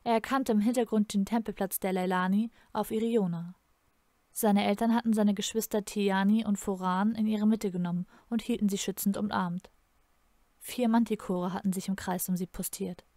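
A woman reading her own novel aloud in a measured, dramatic narration. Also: mid-range voice, steady tone, dark tone, dry recording. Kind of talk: audiobook narration.

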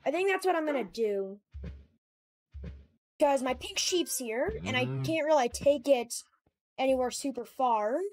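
A woman giving casual, excitable commentary while playing a game, chatting to her animals as she goes. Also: high voice, a little slow, pauses often, no room sound. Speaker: gamer.

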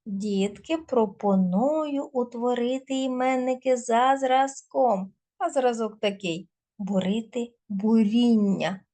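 Female teacher recording a lesson for children; unhurried, clear dictation, slightly high pitch. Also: warm tone. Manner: slow, clear dictation of word lists.

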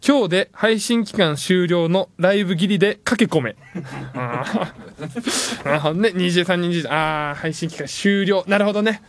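A man hosting a late-night radio show, reading listener messages in playful, self-mocking banter and jumping suddenly into higher tones. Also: normal speed. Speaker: radio host. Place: radio studio. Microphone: studio microphone.

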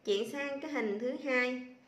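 A woman teacher spelling out sounds and syllables aloud slowly for young children in a reading lesson. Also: high voice, fairly bright tone. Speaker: primary school teacher. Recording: echoey room.

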